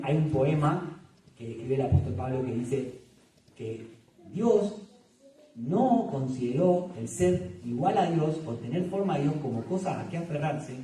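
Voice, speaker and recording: A man with a Rioplatense Spanish accent, a family psychologist leading a church workshop, talking in a lively way, joking and checking in with "¿sí?". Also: a little high. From Argentina. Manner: animated, jokes and laughs, asks "¿sí?" often. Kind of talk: lively workshop talk with Bible story. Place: church hall. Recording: echoey church hall, mic far off.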